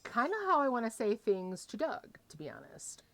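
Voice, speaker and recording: A woman doing casual let's-play commentary, reading choices aloud and thinking out loud. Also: on the high side, sing-song, moderate pace, background noise. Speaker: gaming streamer playing a dating game.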